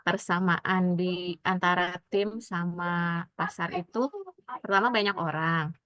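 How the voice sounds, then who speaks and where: A woman's voice: fairly low pitch, steady tone, takes it slowly, dry recording. A woman trainee reporting on a video call in a chatty, informal way, often repeating herself. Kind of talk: group discussion report. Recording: dull dry video-call audio.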